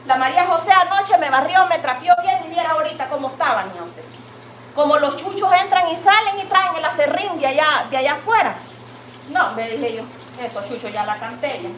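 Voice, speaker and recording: A woman's voice: high voice, a bit bright. A woman with a Guatemalan Spanish accent chatting homily to viewers as she cooks in her home kitchen, constantly saying "look" and calling them sweetheart. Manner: homey and chatty, constantly says "mire" and calls viewers "mamayita". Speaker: cooking vlogger. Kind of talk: chatty home cooking vlog. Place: home kitchen while cooking. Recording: echoey kitchen with noise. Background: frying and sizzling pan.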